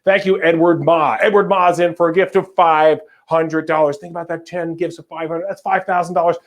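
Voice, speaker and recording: Male fundraising auctioneer, slightly high voice, energetic and upbeat. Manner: energetic, upbeat, rapid-fire calling out of gifts. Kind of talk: live fundraising appeal.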